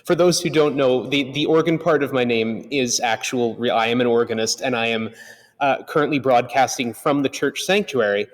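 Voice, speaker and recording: A man's voice: steady tone, moderate pace. A man reading donations on a live stream, his voice ringing with the heavy echo of a church sanctuary. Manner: voice wrapped in booming cathedral echo. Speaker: donation reader and commentator at a speedrun event. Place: large church sanctuary, indoors.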